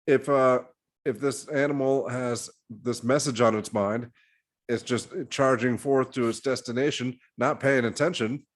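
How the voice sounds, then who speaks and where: A man co-hosting a casual game podcast, speaking haltingly with frequent restarts and self-deprecating asides. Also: mid-range voice, steady tone. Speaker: co-host.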